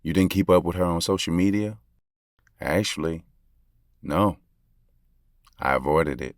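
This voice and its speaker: This low-pitched, unhurried American actor narrates as a regretful, lovestruck basketball coach, speaking intimately and earnestly with casual slang in an audio drama. The studio sound is clean with no room sound, and music runs beneath his voice.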